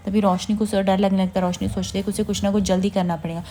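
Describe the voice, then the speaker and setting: A woman retelling a TV serial episode in casual narration, with quick linking phrases and brief hesitations. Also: medium pitch, flat delivery, mellow, slight background noise. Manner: rapid, repetitive linking words, brief hesitations.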